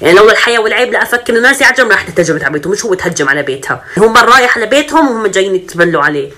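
Fast, sharp woman ranting. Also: medium pitch, expressive. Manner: sarcastic, indignant, rapid-fire. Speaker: social media commentator. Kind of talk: heated opinion rant.

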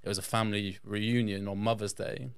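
Here a podcast guest from England, born in Yorkshire and raised in the south-west, tells personal stories casually in conversation with an interviewer. He speaks a little fast in a lowish, flat voice with a clean tone. The recording is dry.

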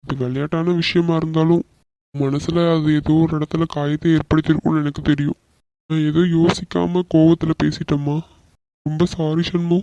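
A man voicing a hot-tempered but soft-hearted young husband in a cartoon, emotional and quick to apologize. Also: on the high side, level tone, lightly acted. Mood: remorseful. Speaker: voice actor. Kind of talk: animated cartoon dialogue. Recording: dull, dry lo-fi recording.

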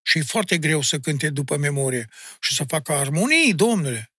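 A middle-aged man with a Maramureș Romanian accent, chatting as a podcast guest in a blunt, animated, storytelling way. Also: a little high, breathy edge, dry recording, clean studio sound. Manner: animated storyteller, addressing the host bluntly with "mă" and "domne"; insistent, emphatic. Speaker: guest, folk singer and music teacher. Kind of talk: casual podcast conversation.

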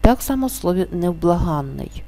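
A woman explains a grammar lesson in a low, mellow voice. She states each rule plainly, then slows down to sound out the examples with care. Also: sing-song. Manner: slow, careful spelling-out of example words. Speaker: teacher.

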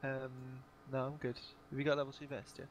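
Gravelly man on noisy voice chat. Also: mid-range voice, level tone, fast, highs cut off. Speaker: teammate. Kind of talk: casual gaming chat.

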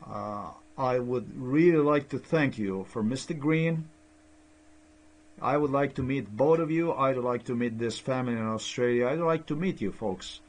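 A middle-aged vlogger speaking English as a non-native language rambles hesitantly over a screen share, often restarting and using fillers. His mid-range voice keeps a moderate pace, captured by a desk webcam in a small room.

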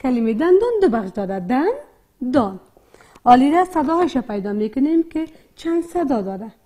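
A woman teaching a reading lesson with an Afghan Dari accent, slowly breaking words into syllables and sounds and repeating each one. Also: high-pitched, lively intonation, dark tone. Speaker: primary school teacher. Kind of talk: slow, repetitive literacy lesson.

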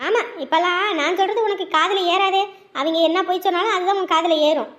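Actress as a stern middle-aged mother, suspicious and scolding, high pitch. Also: steady tone, fairly quick, a bit bright. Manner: scolding, distrustful. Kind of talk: web-series family drama acting.

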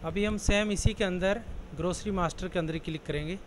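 Guy doing a software tutorial, bit high voiced, explains each screen step by step. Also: brisk, slight background noise, rough recording. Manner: plain explanatory, walks through options one by one.

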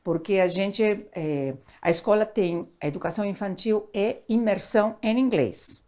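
An older Argentine woman, expert in educating children, chats lively as an interview guest, gesturing often and tossing in tag questions. She has a medium-pitched voice at a moderate pace, and is miked with a lapel mic while seated on a sofa in a small studio.

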